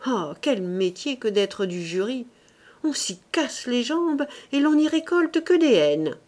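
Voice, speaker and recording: A woman voicing a successful young male painter, speaking in an emphatic, exclamatory way at a slow reading pace. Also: a little high, very animated, darkish tone, pitched above the performer's own voice.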